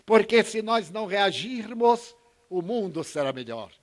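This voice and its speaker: A spiritist speaker in his eighties with a Bahian Brazilian Portuguese accent gives an inspirational talk in a fairly high voice that is animated yet a little slow. He tells anecdotes and acts out other people's lines by shifting his pitch and volume.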